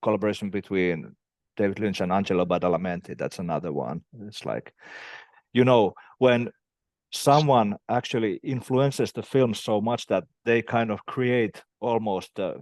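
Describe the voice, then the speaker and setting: A man in a casual conversation about music, enthusiastic and halting, with frequent restarts. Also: lowish voice, darkish tone, no room sound. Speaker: interviewer, band member.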